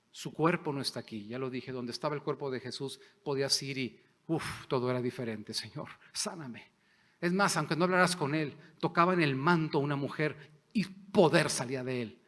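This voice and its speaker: Pastor guy preaching, gets loud then drops to a hush, big echoey church sound. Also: medium pitch. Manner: impassioned, swings between loud and hushed. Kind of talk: sermon. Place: church sanctuary. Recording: long hall reverb.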